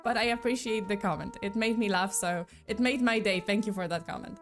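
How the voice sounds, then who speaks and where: A young woman talks fairly quickly in a medium-pitched voice, rambling loosely on a live stream with lots of filler words. She has a slight mixed accent as a non-native English speaker, and soft background music can be heard.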